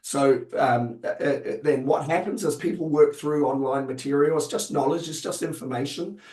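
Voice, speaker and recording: A man's voice: on the high side, moderate pace, darkish tone. Hesitant man speaking in a roomy echo. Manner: hesitant, many fillers and restarts. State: losing his voice. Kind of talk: webinar presentation. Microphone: online video call.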